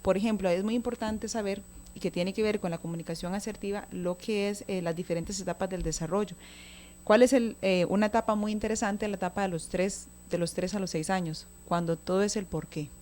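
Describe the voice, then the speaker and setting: A woman's voice: medium pitch, fairly quick, darkish tone, slight background noise. A woman speaking as a guest expert, explaining child communication patiently on a talk show and often checking in with a question.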